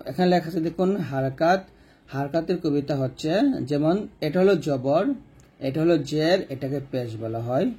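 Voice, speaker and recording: A man with a Bangladeshi Bengali accent teaching a step-by-step recitation lesson, repeating each rule and drilling letters slowly. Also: fairly high pitch, warm tone, husky. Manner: repeats rules and drills letters slowly, asks questions to the viewer. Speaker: Quran reading teacher.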